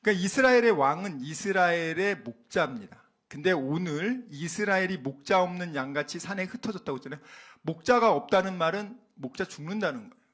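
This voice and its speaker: A man preaching a sermon in a church, animated and dramatic, often acting out dialogue as he teaches. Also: high voice, a little fast. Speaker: pastor. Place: church sanctuary.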